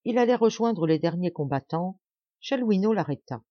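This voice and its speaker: A woman reading a classic novel aloud in a measured, dramatic storytelling manner. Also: lowish voice, lively intonation, no room sound, lo-fi sound. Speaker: audiobook reader. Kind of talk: audiobook narration of a classic novel.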